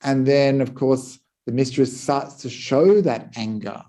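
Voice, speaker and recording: A Buddhist monk giving a dharma talk, telling a teaching story in a calm way. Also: male voice, mid-range voice, unhurried.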